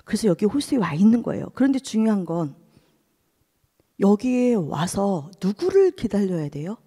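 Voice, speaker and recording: A woman's voice: fairly low pitch, dark tone, husky, in a large hall. A woman associate pastor preaching at a dawn service, asking her congregation question after question and dropping to a whisper for emphasis. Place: church sanctuary.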